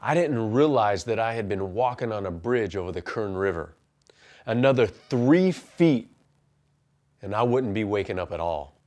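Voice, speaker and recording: A man's voice: lowish voice, lively intonation, normal speed, darkish tone. A man in his forties, a life coach and pastor, telling his own story earnestly and then giving punchy motivational advice. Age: 40s. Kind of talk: personal testimony and motivational talk.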